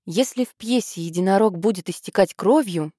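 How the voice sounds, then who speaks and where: A woman's voice: medium pitch, fairly quick, warm tone, slightly rough, no room sound, studio quality, lightly acted. A woman voicing a sly, teasing younger sister in an audiobook.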